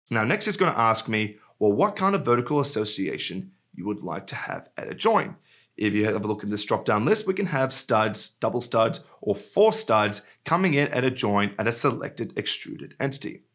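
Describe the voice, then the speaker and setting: Man in a lively software walkthrough. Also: mid-range voice. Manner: relaxed, jokey, talks to the software as a person. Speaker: software trainer. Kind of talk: screen-recorded software tutorial.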